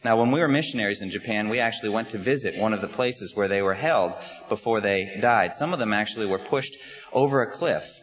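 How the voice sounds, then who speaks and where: An American man gives a Sunday sermon at a pulpit microphone in a church sanctuary. He speaks in an earnest, measured way, often pausing with "uh" as he builds his point. The recording sounds slightly muffled. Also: lowish voice. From United States. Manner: earnest, measured, with frequent "uh" pauses. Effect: preaching into a pulpit microphone. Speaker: pastor.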